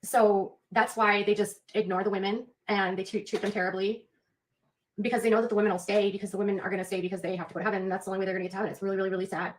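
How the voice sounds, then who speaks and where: A woman's voice: mid-range voice, flat delivery, rapid-fire, slight background noise, poor audio. Earnest woman explaining at length. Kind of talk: casual explanatory chat.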